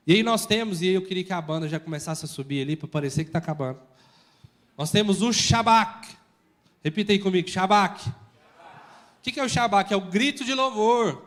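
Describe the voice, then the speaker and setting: A man preaching a sermon as pastor in a church, lively and urging the congregation to repeat words and shout. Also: sits high, a little fast. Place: church hall with live congregation.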